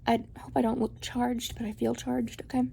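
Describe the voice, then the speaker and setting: A woman's voice: a little high, level tone, normal speed, creaky, mellow, a little hiss or hum. A woman giving casual, opinionated, rambling vlog talk about her reading, her speech slightly muffled by the retainer she is wearing. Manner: opinionated, informal, trailing asides. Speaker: book vlogger.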